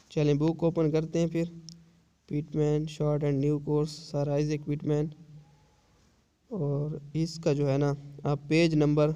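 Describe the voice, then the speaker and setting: A man gives an online shorthand lesson, slowly going over each point again and checking that students follow. His voice sits a little high yet mellow, with a flat, even delivery. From Pakistan. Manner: patient, repetitive explaining with frequent checks. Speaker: shorthand teacher.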